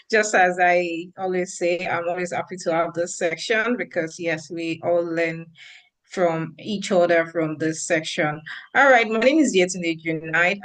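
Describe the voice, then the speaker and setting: A woman's voice: lowish voice, a bit bright. A woman with a Nigerian accent hosting an online roundtable in an effusive, chatty way, often repeating her phrases. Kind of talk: informal online event hosting. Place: online video or conference call.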